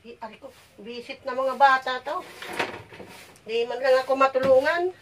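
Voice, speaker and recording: A woman's voice: high-pitched, normal speed, slight background noise, lightly acted. A woman playing an overworked, exasperated village mother in a drama, kvetching and nagging in long repetitive complaints. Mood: grumbling, fed up. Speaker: actor in an amateur short film. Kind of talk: naturalistic family drama acting.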